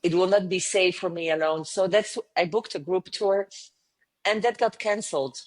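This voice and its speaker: A woman in her fifties from the south of France, with a French accent and a lowish voice at normal speed, tells her story as an interview guest. As founder of a travel company, she speaks earnestly, with frequent hesitations and restarts.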